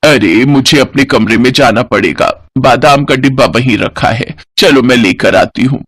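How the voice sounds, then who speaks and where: A man's voice: mid-range voice, moderate pace, a bit bright, breathy edge, voice pushed down. A man voicing a stern middle-aged mother-in-law in a storybook cartoon. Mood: complaining. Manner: scolding, firm.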